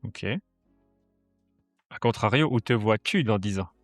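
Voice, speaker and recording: A man's voice: on the low side, unhurried, no echo, soft background music. A man hosting a podcast interview, asking casual, brief questions. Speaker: podcast host.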